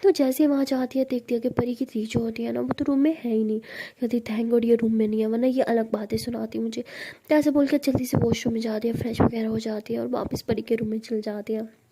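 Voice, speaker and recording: Mellow-voiced woman telling a story. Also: on the high side, fairly even intonation, brisk, a little hiss or hum. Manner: acts out characters' lines in a livelier voice. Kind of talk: casual story narration.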